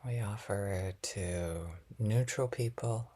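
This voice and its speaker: A woman teaching a loving-kindness meditation in a soft, often half-whispered, gentle and reflective way, with light laughs at herself. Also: extremely low pitch, slow pace, husky.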